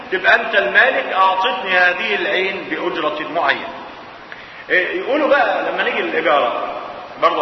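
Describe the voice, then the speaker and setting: Egyptian male professor, high voice, rhetorical questions to students, recorded from far off in a booming hall. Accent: Egyptian Arabic. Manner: asks rhetorical questions and answers them himself. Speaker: Islamic jurisprudence professor. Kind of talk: colloquial classroom lecture. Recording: echoey hall, far mic, dull, hiss.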